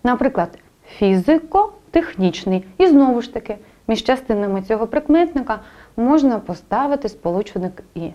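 A woman teaching a spelling lesson, explaining rules clearly and speaking directly to the student. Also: fairly high pitch, lively intonation, moderate pace, warm tone, dull audio.

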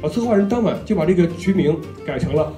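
High-pitched man doing stand-up comedy. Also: animated, quick pace, dark tone. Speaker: stand-up comedian, club owner. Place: small indoor comedy club stage. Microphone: handheld or stand stage microphone. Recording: roomy club sound with music behind.

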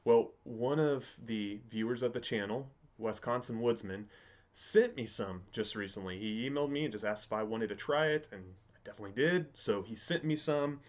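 A man in his thirties talking casually to camera as a reviewer, halting and repeating words as he thinks aloud. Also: mid-range voice, dull audio. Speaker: pipe tobacco reviewer. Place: indoors, home study with bookshelves.

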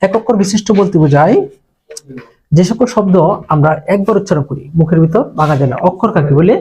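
A man from Bangladesh teaching an exam-prep language lesson, speaking slowly and repeating words syllable by syllable. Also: high-pitched, expressive, warm tone, husky. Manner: slow, repetitive, breaks words into syllables. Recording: dull lo-fi recording.

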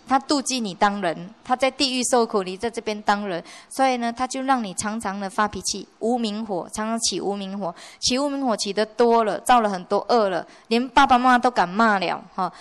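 A Buddhist nun giving a conversational dharma lecture in a monastery hall, slipping in English words and often asking her listeners whether they follow. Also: mid-range voice. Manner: conversational, mixing English words, frequent rhetorical checks.

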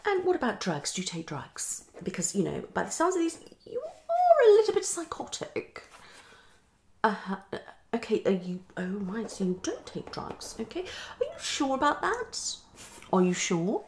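A woman about thirty plays a psychologist in a fast, unpredictable ASMR roleplay indoors in a small living room, muttering and repeating herself as she moves between whispering and speaking. Her slightly high, a little mellow voice swoops wildly in pitch at a moderate pace. A little hiss or hum can be heard.

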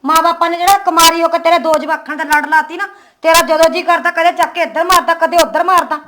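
A woman playing a sharp-tongued, quarrelsome village wife in a homemade comedy drama. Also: very high voice, fairly even intonation, quick pace, a little hiss or hum. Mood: angry.

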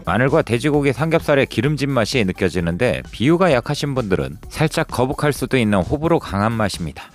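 A man's voice: medium pitch, big pitch swings, fast talker, soft background music. A young adult man narrating a restaurant food review in an upbeat, descriptive way.

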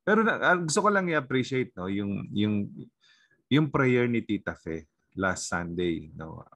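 A man's voice: fairly low pitch, big pitch swings, unhurried, a bit bright, no echo, muffled recording. A man with a Filipino accent, a pastor leading an online prayer meeting, talking conversationally with many fillers and tag questions. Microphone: video call.

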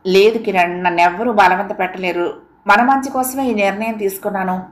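Woman reading a calm, sad young woman. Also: medium pitch, a little fast, natural voice. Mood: restrained. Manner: quiet, restrained sadness. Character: young woman calmly ending a romance. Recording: roomy echo.

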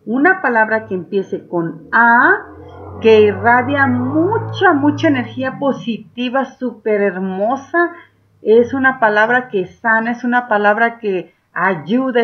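A woman's voice: a little high, animated, dull audio. A woman teacher with a Mexican accent, patiently guiding first graders through a reading lesson, stretching out words for them to follow. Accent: Mexican Spanish. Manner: patient and warm, drawing out words slowly for children to read along. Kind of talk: slow, encouraging reading lesson to young children.

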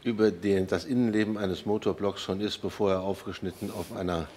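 Male academic guest with a low voice, measured and explanatory, studio discussion. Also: steady tone, a little mellow, slight background noise. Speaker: professor, expert guest.

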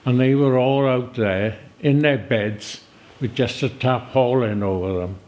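A man's voice: mid-range voice, a little slow, a little mellow. An older man recounting past events vividly in an interview. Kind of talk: storytelling interview.

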